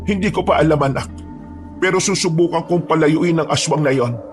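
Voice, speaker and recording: A man's voice: on the high side, a little fast, soft background music, pitched above the performer's own voice, natural voice. A man voicing a worried older village mother who acts as midwife, with a commanding, urgent manner, in a horror story. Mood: grave.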